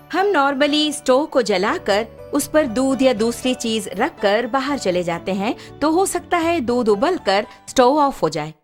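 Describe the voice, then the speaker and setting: A woman giving a scripted ad demonstration, explaining step by step in an instructive way. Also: on the high side. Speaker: product demonstrator.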